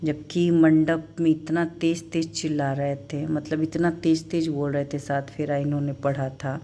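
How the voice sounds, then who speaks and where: Soft, low-voiced woman showing photos. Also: level tone. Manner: soft-spoken, halting and emotional. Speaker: vlogger. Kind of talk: casual vlog chat showing a wedding album.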